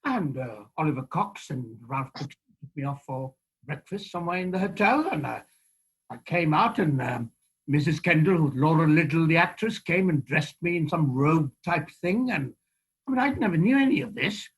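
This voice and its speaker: A man's voice: a little high, animated, normal speed, breathy edge. An older man from India, an actor, telling a personal anecdote in a theatrical, hesitant storytelling manner. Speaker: actor, interview guest.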